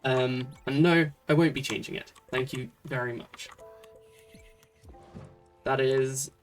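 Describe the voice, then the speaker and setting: A chatty streamer from Britain talks through a cozy game at a desk mic, thinking aloud with plenty of ums and restarts. The voice sits at an ordinary middle pitch. Faint game music and keyboard taps run behind. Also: steady tone, slow. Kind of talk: casual gameplay commentary.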